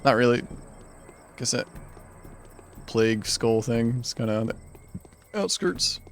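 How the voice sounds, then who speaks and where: A man's voice: medium pitch, animated, a little slow, a little hiss or hum. Man rambling over gameplay. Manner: rambling, thinking aloud with frequent "like". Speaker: streamer. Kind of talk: casual gameplay commentary.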